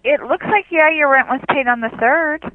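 A woman's voice: sits high, moderate pace, a little hiss or hum. A woman working as a property office receptionist, heard over a landline phone. She is polite and businesslike and often hesitates with ums. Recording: tinny dry phone line.

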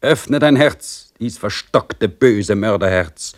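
A man's voice: lowish voice, animated, takes it slowly, pitched above the performer's own voice. A man doing a stern preaching priest. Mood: insistent. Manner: preaching, urgent, insistent. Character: stern Orthodox priest, male, pressing and sanctimonious.

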